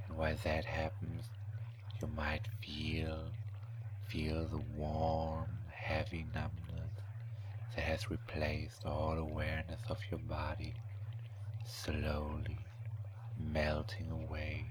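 Very slow, low whispering male hypnotist. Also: completely flat delivery, noisy background. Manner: soothing, repetitive, drawn-out phrasing with pauses. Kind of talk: whispered hypnotic relaxation induction, ASMR.

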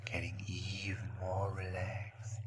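Slow hypnotist guy, breathy hushed voice, totally flat, guided relaxation, long pauses, noisy recording. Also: low-pitched.

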